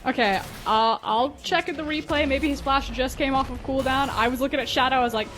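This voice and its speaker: A woman's voice: high-pitched, brisk, fairly bright tone, faint music behind. A woman doing color commentary on a live esports match, chatty and analytical with laughing asides.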